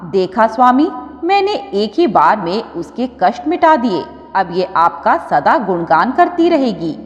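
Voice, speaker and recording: A woman's voice: medium pitch, sing-song, unhurried. Earnest goddess Parvati voiced by a woman, echoing. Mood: caring. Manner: pleading, earnest. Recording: dull audio with long reverb.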